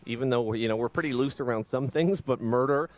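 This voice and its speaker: A man with a Canadian accent hosting a charity live stream, easygoing and quick to laugh at himself. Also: mid-range voice, darkish tone. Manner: easygoing, laughing, self-deprecating. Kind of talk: casual live-stream chat.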